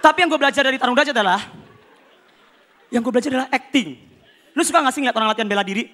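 A young man performing a stand-up comedy routine, animated, acting out characters with sudden shouts and voice changes. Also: extremely high pitch, rapid-fire.

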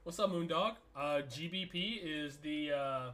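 A man talking like a hyped gamer bro on a casual game stream, animated, exclaiming, slangy and profane. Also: a little high, a little slow. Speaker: game livestreamer and podcaster. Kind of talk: casual gaming stream chat.

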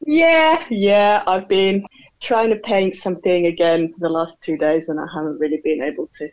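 A woman's voice: on the low side, normal speed, darkish tone. Finnish woman chatting over a call. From Finland. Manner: laughs often, hesitant with fillers. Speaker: guest. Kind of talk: casual chat. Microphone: video call. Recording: dull lo-fi call audio.

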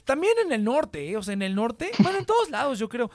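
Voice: medium pitch, sing-song, brisk, no room sound. Slangy young Mexico City speaker. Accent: Mexico City Spanish. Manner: slangy, rambling, laughing often. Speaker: friend chatting. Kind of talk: casual chat.

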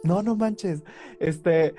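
A young man with a Mexican accent hosts a laid-back chat, his voice pitched somewhat high for a man. He mostly reacts with quick bursts of disbelief and short agreement. Soft music sits faintly behind him. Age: young adult. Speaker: host. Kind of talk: casual podcast chat.

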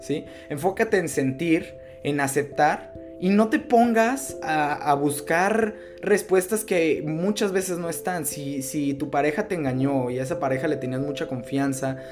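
A man's voice: fairly high pitch, unhurried, hardly any pauses, music in the background. A man with a Mexican Spanish accent hosting a podcast, giving earnest motivational advice, repeating his key phrases and swearing casually. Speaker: podcast host.

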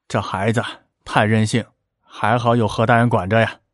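A man's voice: on the low side, level tone, moderate pace, no room sound, clean studio sound, natural voice. A man doing a fawning old official. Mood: offhand.

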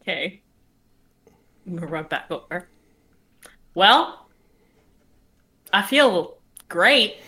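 A woman's voice: lowish voice, expressive, slow, pauses often, pushed and bright. A woman playing a tabletop role-playing game, talking casually in character, laughing often and hedging with fillers.

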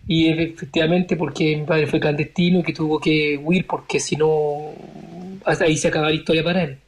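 A man in his forties, born in Chile, answering interview questions as a member of parliament in a measured way, searching for his words. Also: a little high, flat delivery. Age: 40s.

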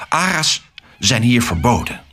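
Give me a man playing a flock of haughty cockatoos, raised and husky. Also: mid-range voice, big pitch swings, unhurried, sharp tone, voice pushed up, full character voice.

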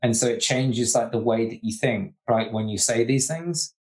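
A man from the UK chatting casually on a podcast, his voice sitting at an ordinary middle pitch. He rambles, stacks up fillers and gets animated while he works through an idea. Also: moderate pace. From United Kingdom. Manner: rambling, heavy use of "like", animated. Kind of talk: casual chat.

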